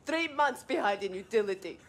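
A woman's voice: medium pitch, expressive, fairly quick. A woman playing a long-suffering, protective wife and mother who stands up for her child in a video game. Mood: bitter, defiant. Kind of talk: dramatic video game acting.

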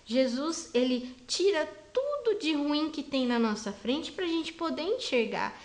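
High-voiced woman teaching small children. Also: sing-song, echoey room. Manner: gentle, slow, speaking simply to small children. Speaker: Sunday school teacher. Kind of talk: children's Bible lesson.

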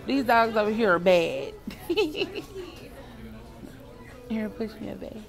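A woman's voice: medium pitch, slow, gravelly, soft background music. A woman filming a casual vlog in a pet store on a handheld phone, giggling and cooing at the animals while she talks to her viewers. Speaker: vlogger.

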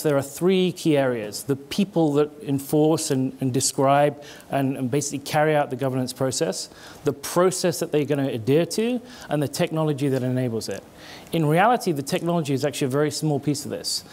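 On a conference stage, a middle-aged Briton speaks into a headset mic in a fairly high, slightly mellow voice. His accent is British with a touch of American twang. He keeps it conversational, gesturing through explanations and restarting some words.

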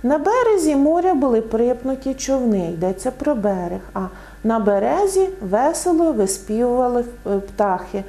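Woman teaching grammar, lots of examples, lively voice, kinda mellow tone. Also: on the high side, normal speed. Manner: clear, didactic, gives many examples. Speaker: language teacher. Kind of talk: explanatory lesson.

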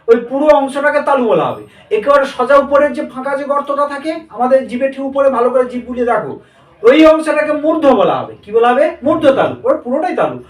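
A male teacher giving a grammar lesson to a class. He drills the students with call-and-response questions and repeats their answers back. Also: very high-pitched. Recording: echoey room, mic far off.

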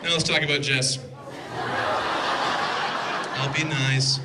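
Over a loud crowd and heavy background noise, a man in his twenties takes his time reading a best man's toast from notes. His mid-range voice stays steady, and his teasing is dry. He speaks into a handheld mic at an indoor wedding reception while guests laugh.

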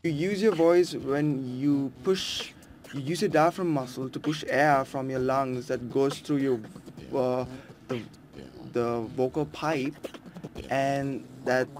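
A man's voice: medium pitch, fairly even intonation, slow pace, a little mellow, a little hiss or hum. A man in his twenties, a beatboxer, explaining his craft in easygoing talk with frequent fillers and restarts. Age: 20s. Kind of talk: casual interview talk.

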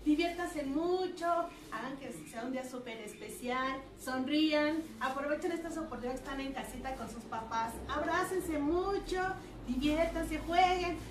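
A woman's voice: high-pitched, moderate pace, few pauses. Upbeat woman teacher in an echoey room. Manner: warm encouraging, upbeat. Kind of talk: message to pupils. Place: at home. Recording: echoey room, distant mic, background noise.

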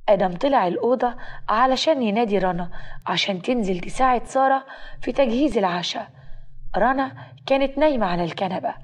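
A woman with an Egyptian Arabic accent narrating a scripted story in a steady storytelling manner. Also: medium pitch, highs cut off.

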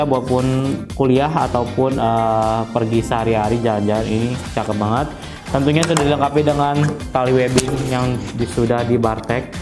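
A man in his thirties giving a casual product review, chatty and slangy, pausing with fillers as he handles the item. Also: medium pitch. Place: studio with dark curtain, seated at table. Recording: voice over clear guitar music. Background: background guitar music.

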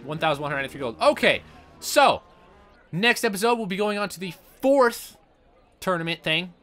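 Young male let's-play host, loud, profane, excitable; bright, tense tone. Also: high-pitched, a little fast, soft background music. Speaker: gaming channel host.

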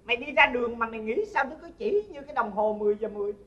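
A woman playing a nagging, fussy older mother with a bright, high Southern Vietnamese voice. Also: racing, highs cut off, faint music behind, close to an everyday voice. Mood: scolding. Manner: scolding, exaggerated, nagging. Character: fussy, picky older mother judging brides. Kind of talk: stage comedy sketch.

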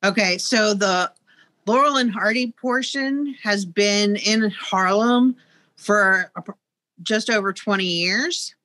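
A middle-aged woman talks over a video call from inside a museum. Her voice is bright and sharp, and she comes across as knowledgeable but pauses with frequent ums. The sound is dry, with very little room. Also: mid-range voice, no room sound. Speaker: museum guide. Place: museum exhibit room, indoors. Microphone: video call, webcam.

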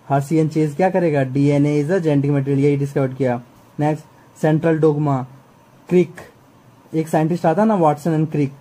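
A man's voice: fairly high pitch, mellow, low-quality recording. A man teaching a chatty exam-prep biology lesson, often repeating points and checking that students follow. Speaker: biology tutor.

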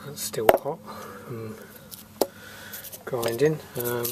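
Speaking very slowly in a mid-range voice, a man narrates hands-on work in a yard over heavy background noise. He's a refrigeration technician, casual and matter-of-fact, thinking aloud with fillers, captured outdoors on a camera mic.

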